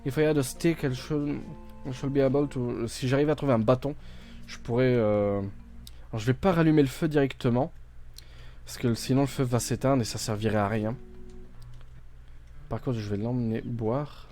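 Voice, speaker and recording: A man's voice: medium pitch, normal speed, pauses often, dark tone, soft background music. A man playing a video game on stream, thinking aloud with many fillers and restarts, reading game text out and translating it. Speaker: gaming streamer. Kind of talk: casual let's-play commentary.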